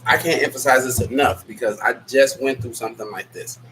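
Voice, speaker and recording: This livestream host is a man whose mid-range voice moves a little fast. He's under the weather, with a blocked nose and scratchy throat that make him sound nasal, during a casual live Q&A. His delivery is rambling, candid and blunt, punctuated by chat names he reads aloud.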